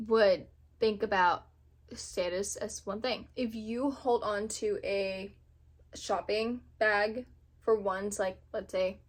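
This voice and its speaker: A woman in her twenties from Indonesia, chatting casually to camera as a vlogger, animated and laughing often. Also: medium pitch, slow. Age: 20s.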